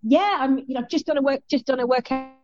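A middle-aged woman with a South London accent, chatting casually as an interview guest in a halting, self-interrupting way over a muffled remote call. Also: high voice, darkish tone, soft background music. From South London, England. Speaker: fitness instructor, interview guest.

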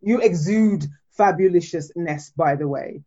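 A woman's voice: on the low side, unhurried, dark tone. A British woman interviewing as host in an encouraging, effusive way, on a slightly dull-sounding remote call. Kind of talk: casual interview.

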